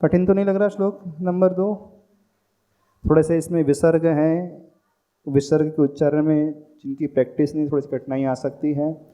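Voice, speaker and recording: A man's voice: on the high side, little pitch movement, normal speed, highs cut off. A man, a monk, teaching how to recite a Sanskrit hymn, patiently breaking words into syllables and chanting the lines. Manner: patient, drills pronunciation syllable by syllable. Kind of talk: slow recitation lesson with chanted verses.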